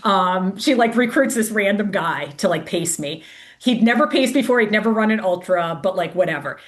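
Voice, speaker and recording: A woman's voice: medium pitch, lively intonation, normal speed. Woman, guest storyteller, casual chat, chatty, says "like" a lot, acts out quotes. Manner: chatty, fills speech with "like". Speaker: guest, race director.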